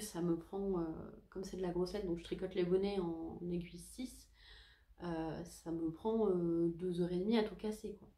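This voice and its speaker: A woman's voice: fairly low pitch, mellow. A woman hosting a knitting podcast, talking casually to camera in a chatty, hesitant and self-deprecating way. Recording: echoey room.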